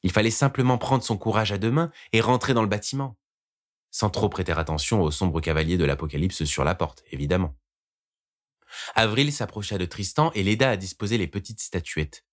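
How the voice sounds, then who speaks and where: Deep-voiced male storyteller. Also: a little fast. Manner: calm, storytelling. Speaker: narrator. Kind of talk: scripted narration.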